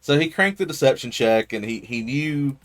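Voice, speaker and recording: Rambling casual game master. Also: male voice, medium pitch, expressive, moderate pace. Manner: rambling, loose, swears, many fillers. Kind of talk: casual vlog recap. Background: faint music.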